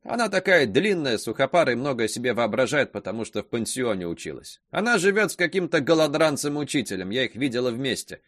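A man's voice: mid-range voice, big pitch swings, quick pace, hardly any pauses, a bit bright, no room sound, studio quality, voice pushed up. A man reading aloud voicing a chatty young market girl who gossips eagerly. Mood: eager chatter.

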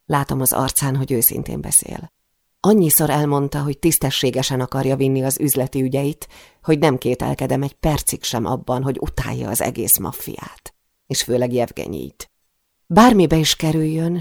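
A woman's voice: extremely low pitch, vocal fry, no room sound, clean studio sound. A woman narrating a first-person novel in a tense, intimate storytelling manner. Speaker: audiobook narrator.

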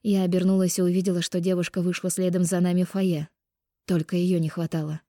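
A woman reading a first-person romance audiobook in an expressive, intimate way on a close microphone. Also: lowish voice, fast, no echo. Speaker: audiobook narrator.

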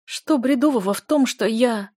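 A woman's voice: medium pitch, brisk, darkish tone, no room sound, clean studio sound, close to an everyday voice. A woman voicing a desperate young female student in love, pleading emotionally with a raised voice.

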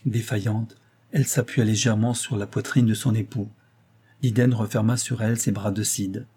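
Husky dark-voiced male narrator. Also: on the low side, steady tone. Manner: measured, lyrical narration. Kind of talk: audiobook reading of a classic short story.

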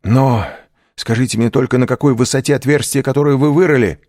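A man reading aloud voices an older male prisoner speaking through a wall, quick and businesslike with his questions. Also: mid-range voice, darkish tone, dry recording, clean studio sound, voice pushed up, natural voice. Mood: urgent. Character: older male prisoner, hidden behind a wall, brisk and probing.

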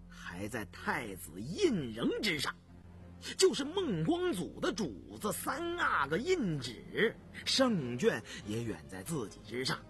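A man narrating a historical novel in an unhurried storytelling manner. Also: fairly high pitch, a bit bright.

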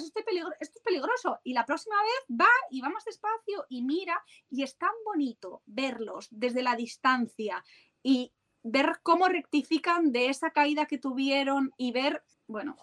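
Middle-aged Spanish woman guest, lively chat, slightly higher voice, acts out quotes. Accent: Spain Spanish. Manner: animated, acts out other people's voices. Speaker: podcast guest. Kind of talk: casual interview talk.

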